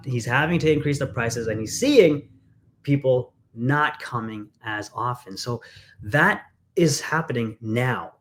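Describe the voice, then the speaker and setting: Raised in England, this man is a congressional candidate talking in a conversational interview. He tells stories earnestly, leans on plenty of fillers, and speaks at a medium pitch.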